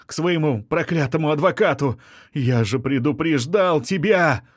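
A man's voice: a little high, normal speed, dry recording, studio quality, pitched above the performer's own voice, natural voice. A man playing a middle-aged violinist, a pushy suitor who wheedles and sulks and turns spiteful. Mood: resentful. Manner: wheedling, offended, turning menacing. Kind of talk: audiobook character reading.

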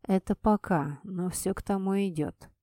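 A woman reading an audiobook and voicing a wry, teasing grown man, a police officer, with a lowered, quieter and drawn-out delivery. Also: no echo, clean studio sound, lightly acted. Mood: dry, teasing.

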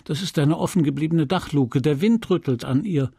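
A desperate young wife from a period novel, urgent and imploring, her voice lifted higher, as a gravelly male narrator puts her on. The tone stays husky and the reading is close and dry. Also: normal speed, warm tone, no room sound. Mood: evasive. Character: desperate young provincial wife, proud and pleading.

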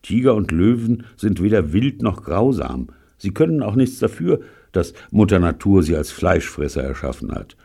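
A man reading aloud, voicing a calm, patient adult schoolmaster who lectures in a dry, level way. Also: low voice, moderate pace, gravelly, husky, voice pushed up, heavily acted. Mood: calm, lecturing.

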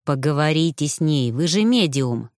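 Woman voicing a steady male mage, low, patient and coaxing, dry close sound. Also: moderate pace, dry recording. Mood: calm persuasive. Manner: calm, coaxing, low-pitched.

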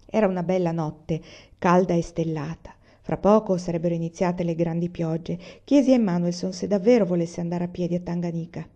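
A woman reading a novel aloud as an audiobook narrator, calm and measured, in a lo-fi recording. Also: lowish voice. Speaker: reader.

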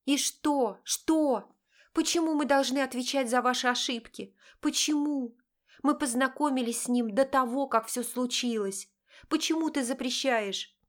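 A woman's voice: high voice, unhurried, voice pushed up. A woman voicing a young woman in an audiobook, pleading and emotional, rising and insistent. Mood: desperate. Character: desperate young woman pleading with her father. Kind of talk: audiobook character voice.

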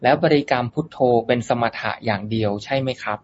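A man's voice: medium pitch, fast. A man moderating a dharma talk, politely reading out listeners' questions to a monk. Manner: polite, reads questions aloud. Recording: dull lo-fi sound with faint noise.

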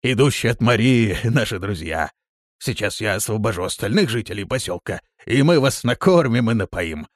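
A man reading an audiobook, voicing a hoarse, shaggy, bearded village peasant. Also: on the low side, animated, normal speed, no echo, studio quality. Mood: relieved. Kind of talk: audiobook character voice.

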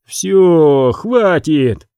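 In an audiobook, a man plays a bitter young showman with a raised, lively voice that swings from mockery to anguish. The tone stays mellow and dry. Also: high voice, measured pace, dry recording, pitched above the performer's own voice. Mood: angry. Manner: mocking, theatrical, swings to anguish. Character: young man, theatrical, bitter, mocking, despairing. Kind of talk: audiobook character voice.

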